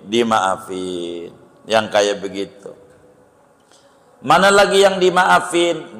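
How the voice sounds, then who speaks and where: A man with a Betawi Indonesian accent gives a mosque study lesson, taking his time and peppering it with rhetorical questions. His delivery is slow and unhurried, with a medium pitch. The voice carries a long, ringing reverb from the mosque hall. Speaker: kiai teaching fiqh.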